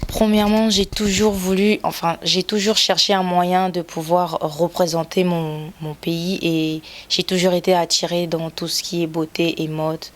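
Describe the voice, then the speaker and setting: A woman from the Republic of the Congo, a pageant contestant, answering questions in a composed, measured way. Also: on the low side, level tone. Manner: composed, measured, thinks aloud. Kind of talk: interview answers.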